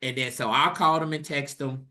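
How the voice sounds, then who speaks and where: A young man co-hosting a podcast, telling a story in casual, profane chat and acting out the quotes with a rising voice. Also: brisk. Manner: animated, profane, acts out quotes with rising pitch. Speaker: podcast co-host.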